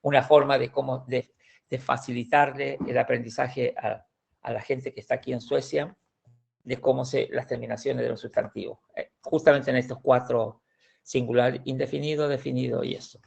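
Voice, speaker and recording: A man teaching a grammar lesson, slowly working through examples and repeating words as he goes. His voice has a gravelly, creaky edge. The recording sounds dull and lo-fi. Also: mid-range voice, flat delivery, a little mellow. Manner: explains patiently, repeats words, frequent restarts. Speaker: language teacher. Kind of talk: classroom lesson explaining grammar.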